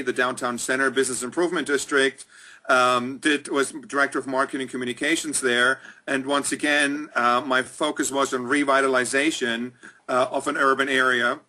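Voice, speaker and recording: Bright and pushed, his medium-pitched voice carries an upbeat, talkative energy broken up by frequent ums. He's a middle-aged German guest on a video-call interview, working as executive director of a chamber of commerce, and he's recording indoors in a small room.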